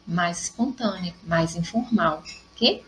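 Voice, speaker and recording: A woman's voice: lowish voice, slow pace, a bit bright, slight background noise, low-quality recording. A Brazilian woman teacher with a Brazilian Portuguese accent, patiently correcting exercises step by step in a recorded class lesson. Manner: patient, explains step by step, checks in with ok.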